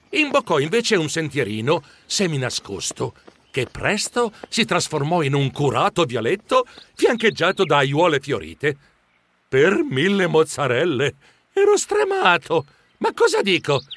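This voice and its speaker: A man narrating a children's story in the first person, with animated, expressive delivery. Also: on the high side, slight background noise. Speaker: audiobook narrator.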